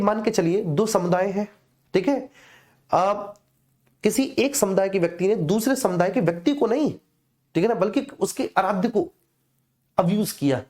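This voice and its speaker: This woman speaks at a medium pitch with a slightly mellow quality. Teaching an exam prep class in a relaxed way, she takes a didactic approach, repeats points, and keeps checking understanding through tag phrases.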